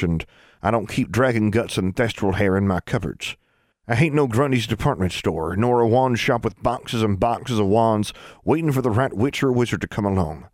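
A man's voice: lowish voice, no echo, clean studio sound, pitched above the performer's own voice, natural voice. A man voicing a shrewd old country woman who crafts wands, speaking in folksy dialect.

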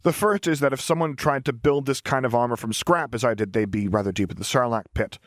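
A man's voice: medium pitch, fast talker, no room sound, clean studio sound, voice pushed up, natural voice. A man voicing a cheerful, boyish young male engineer who talks in an upbeat, earnest way. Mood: eager.

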